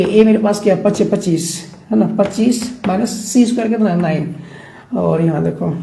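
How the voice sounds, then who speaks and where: A man's voice: high voice, gravelly, warm tone. A man teaching maths at a board, chatty and keeps checking in with his students. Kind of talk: board lesson explaining steps. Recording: echoey room, faint background noise.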